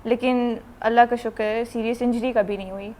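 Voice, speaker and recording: A woman polo player speaks as a guest on a TV talk show. She shares her experiences in an earnest, reflective way. Her voice sits fairly high. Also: steady tone, darkish tone. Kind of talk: casual interview storytelling.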